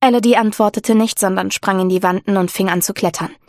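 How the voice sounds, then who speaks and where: A woman giving steady, scripted narration of a fantasy audiobook. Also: mid-range voice, fairly quick, no echo, clean studio sound.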